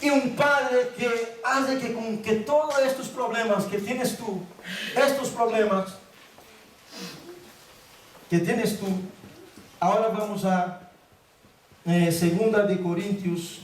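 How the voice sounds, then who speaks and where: Switching between Portuguese and Spanish, a high-pitched guest preacher drives his sermon home emphatically, repeating words for stress and slowing down on key phrases. Congregants call out amens in the echoey sanctuary, captured by a distant mic with slight background noise.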